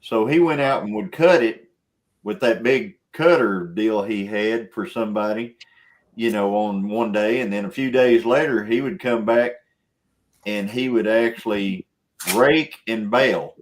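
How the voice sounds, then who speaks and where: A man's voice: lowish voice, measured pace. A man, hosting a casual chat in a folksy, rambling way and laughing often. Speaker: show host.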